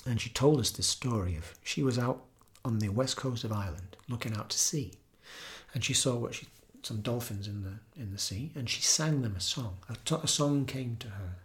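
A man teaching about kirtan, telling stories in an earnest, gentle way with frequent pauses and restarts. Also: medium pitch. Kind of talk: reflective storytelling talk.

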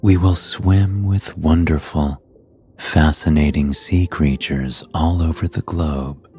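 Man, sleep story narrator, extremely low voice, calm and hushed, soft music behind. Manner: calm, hushed, unhurried guiding delivery.

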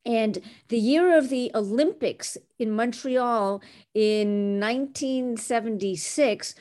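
A Canadian woman in her sixties who works as a recruiter tells her career story in interview answers, sounding articulate and self-assured. She speaks slowly in a voice on the high side with a darkish tone.

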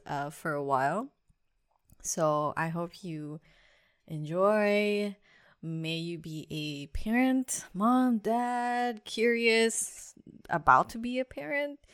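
A woman's voice: deep voice, fairly bright tone, clean tone, no room sound, studio quality. A young woman hosting her own parenting podcast, chatting candidly with lots of fillers and little laughs. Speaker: podcast host. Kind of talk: casual solo podcast talk.

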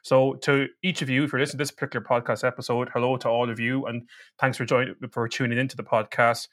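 A man's voice: mid-range voice, flat delivery, fast talker, a bit bright. A man with an Irish accent hosting a podcast in a chatty, bantering, conversational way. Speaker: podcast host.

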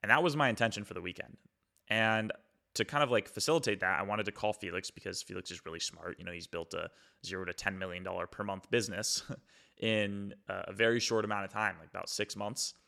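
Gravelly young man with a bright edge. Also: on the low side, steady tone, brisk. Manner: loose, reflective, many fillers and restarts. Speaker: podcast host. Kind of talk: casual motivational monologue.

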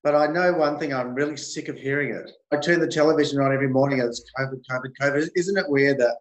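A man's voice: medium pitch, fast, echoey room, low-quality recording. An Australian man chatting expressively as a guest in a casual interview.

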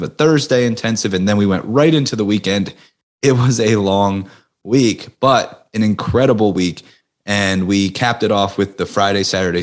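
A man hosting a podcast in an energetic, motivational way, still recovering from losing his voice. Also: lowish voice. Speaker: podcast host. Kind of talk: casual podcast monologue.

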